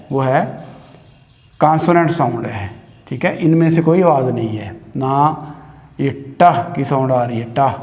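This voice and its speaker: A man teaching an English grammar lesson at a board, slow and patient, often checking in with "theek hai". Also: mid-range voice, a little mellow, big-room sound. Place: classroom with a board.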